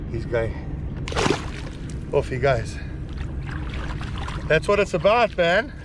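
Out on the open sea in a kayak, a thirties-aged angler narrates for the action camera on his boat in a slightly high voice, taking his time. When fish start running he breaks into excited whoops and cheers. The recording picks up wind and water sounds.

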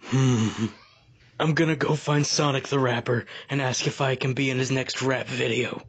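A man voicing a moody, exasperated young hedgehog with a whiny, grumbling manner and husky voice in an improvised comedy dub. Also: mid-range voice, steady tone, moderate pace. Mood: puzzled, moody.

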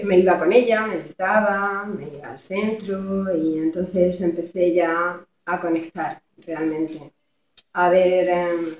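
A woman's voice: fairly low pitch, a little mellow. A middle-aged woman from Madrid with an accent from Spain, telling her story casually as an interview guest, hesitant and giggly. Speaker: interview guest, Buddhist practitioner. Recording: very echoey, distant, muffled microphone.

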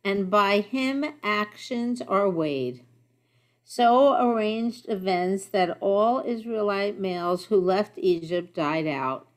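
A woman's voice: mid-range voice, takes it slowly. A woman in a virtual study group, reading a commentary aloud carefully over a video call.

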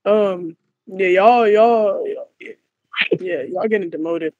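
Brash high-voiced man on voice chat. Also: slow pace, a little mellow, dry recording, dull audio. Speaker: new sheriff in a roleplay server. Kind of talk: casual voice chat.

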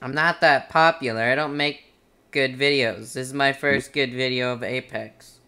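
A man's voice: mid-range voice, fairly even intonation, normal speed, sharp tone, clean tone. A young man streaming a game, chatting casually on a headset mic in a teasing, evasive way.

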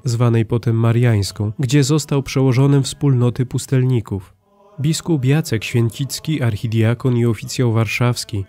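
A man with a dark, mellow voice reads a scripted life of a saint. His delivery is even and solemn, unhurried and steady. He ends by reciting a prayer in the same calm tone. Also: mid-range voice. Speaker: narrator.

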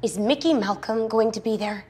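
A young woman playing a sharp-tongued, no-nonsense actress in a scripted comedy, curt and sarcastic. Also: a little high, normal speed, lightly acted. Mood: irritated. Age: young adult.

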